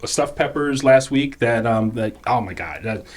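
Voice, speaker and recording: A man's voice: mid-range voice, lively intonation, moderate pace. A man co-hosting a podcast, talking in a rambling casual way with restarts and fillers. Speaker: podcast co-host. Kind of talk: casual chat.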